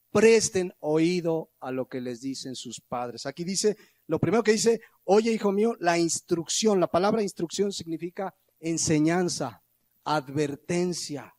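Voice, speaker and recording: A middle-aged Mexican pastor delivers his sermon with a notably high-pitched voice. He is lively and animated, acting out everyday scenes, then slows right down to stretch the words that matter. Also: no room sound. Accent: Mexican Spanish. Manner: animated, acts out little scenes with quoted voices.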